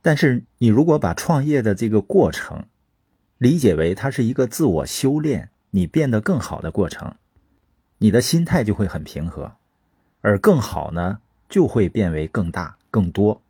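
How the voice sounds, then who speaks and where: A man speaks in an earnest motivational monologue, his voice low and a little breathy. His delivery swings widely in pitch, and the sound is close and dry. He draws listeners in with rhetorical questions. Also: big pitch swings, normal speed, mellow, dry recording.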